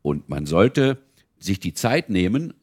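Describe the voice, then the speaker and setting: An older man with a low, richly animated voice tells stories in easy conversation. His pitch rises and falls freely as he slips into little character voices. He talks like a seasoned reader for children. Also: takes it slowly, slightly rough. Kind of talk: casual interview talk.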